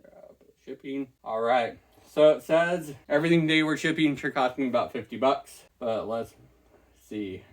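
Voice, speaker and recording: A man with a medium-pitched voice speaks at a moderate pace in a casual packing-and-shipping vlog. He's an online reseller who thinks aloud as he packs and ships orders, thanking each buyer by name.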